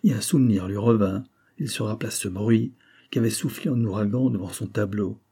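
A man narrating a classic novel as an audiobook, with measured, phrase-by-phrase delivery. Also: fairly low pitch, warm tone, slightly rough. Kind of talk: literary audiobook reading.

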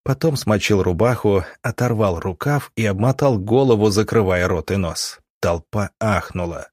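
A male audiobook narrator with a low voice reads in a measured, dramatic way. The sound is dry and close, with no room echo. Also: a little mellow.

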